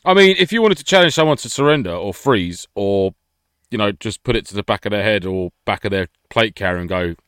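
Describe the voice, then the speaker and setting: Blunt, sweary man, lower voice. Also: lively intonation, brisk, a bit bright, dry recording, clean studio sound. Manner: blunt and sweary, gruff humour. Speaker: podcast co-host. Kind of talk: casual chat.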